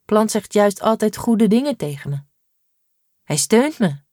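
In a read-aloud story, a woman voices an earnest, quirky young boy who sounds indignant, pitching it above her own natural voice. The delivery is medium in pitch with big swings, a little slow and a little mellow, captured dry at studio quality.

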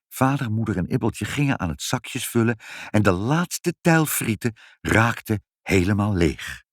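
Lively low-voiced storybook narrator man. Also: breathy edge, no room sound, clean studio sound. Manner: lively, playful voicing of every part. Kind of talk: children's storybook reading.

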